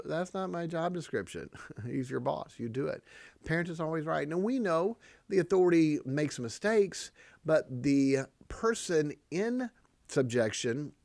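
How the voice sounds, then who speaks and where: Man, podcast host, parenting lesson, emphatic, repeats himself, chuckles, mid pitch, dry close sound. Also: vocal fry, a little mellow, dry recording. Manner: emphatic, repeats key phrases, chuckles often. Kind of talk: preachy parenting talk on proverbs.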